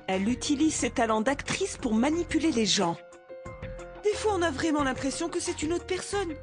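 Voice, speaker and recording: Sly scheming woman, high voice, insistent, dubbed telenovela, soft music behind. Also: expressive, normal speed. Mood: testifying.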